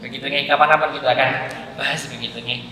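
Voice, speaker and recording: A man's voice: medium pitch, fairly even intonation, fast talker, gravelly, pushed and bright. A man with a Javanese Indonesian accent teaching Quran recitation at a mosque class, patiently drilling syllables aloud by repetition. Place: large mosque hall. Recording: echoey mosque hall with crowd.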